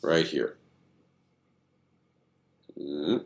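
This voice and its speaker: A man's voice: extremely low pitch, drawn-out words, gravelly. A man giving casual, rambling commentary on stock charts, thinking aloud with many fillers, tired and yawning.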